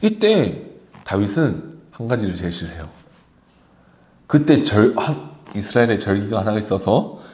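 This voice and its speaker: A man preaching a children's sermon, retelling a story in a lively way and speaking directly to the children. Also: fairly low pitch, normal speed, long pauses. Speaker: children's pastor.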